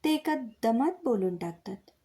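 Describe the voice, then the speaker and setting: Mellow-voiced woman narrating a story. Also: moderate pace. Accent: Marathi. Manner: reads all characters with lively shifts in pitch.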